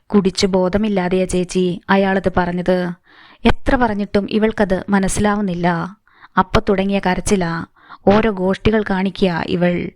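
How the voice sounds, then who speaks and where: A woman voicing a teenage younger sister, explaining in a hurried, worried way. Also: medium pitch, fairly even intonation, no echo, close to an everyday voice.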